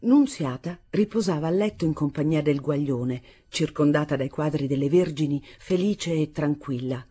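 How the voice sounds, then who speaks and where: Woman reading an audiobook, husky voice, steady expressive narration. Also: low voice, moderate pace, hardly any pauses, soft background music. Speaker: audiobook reader. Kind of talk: scripted narration of a novel.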